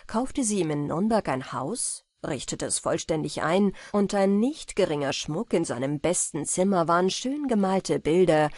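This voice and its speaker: A woman reading a classic tale aloud as a calm, unhurried bedtime audiobook narration. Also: low-pitched, dry recording, studio quality. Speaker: audiobook reader. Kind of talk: calm storybook narration for sleep.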